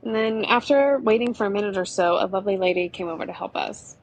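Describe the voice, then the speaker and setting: A woman's voice: mid-range voice, fast, rough recording. A woman narrating an adventure story in a chatty, conversational way. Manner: chatty, with frequent "you know".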